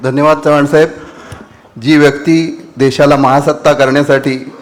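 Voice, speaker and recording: A man's voice: a little high, flat delivery, normal speed. Formal Marathi man announcing speakers. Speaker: event compere.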